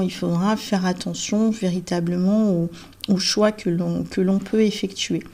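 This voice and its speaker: A woman's voice: medium pitch, dark tone. Hesitant woman reading horoscopes. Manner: hesitant, many filler sounds and restarts. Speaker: astrologer. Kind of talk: monthly horoscope talk.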